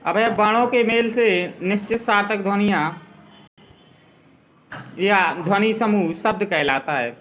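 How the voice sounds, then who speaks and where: A man teaching a school grammar lesson, explaining slowly and repeating his examples. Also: sits high, fairly bright tone, a little hiss or hum, poor audio.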